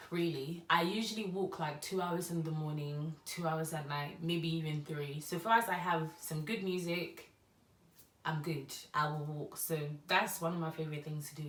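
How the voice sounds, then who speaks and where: A young Ghanaian woman talks through a casual vlog, her Ghanaian English carrying Nigerian touches. Her voice sits low and she rambles in a chatty, storytelling way. The sound is roomy and a little distant from the mic. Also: fairly bright tone. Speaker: YouTuber. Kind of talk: casual get-to-know-me vlog.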